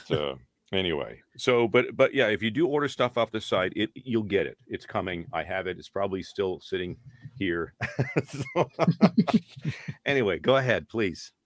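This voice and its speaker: A middle-aged man with a lowish voice, chatting as a guest on a group video call from home. He rambles, restarts his sentences and laughs as he goes, and the sound is dry and close. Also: expressive, moderate pace, no room sound. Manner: rambling, with frequent restarts and chuckles. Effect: heard over a group video call. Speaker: voice actor guest. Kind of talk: casual interview chat. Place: home room. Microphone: computer mic on a video call.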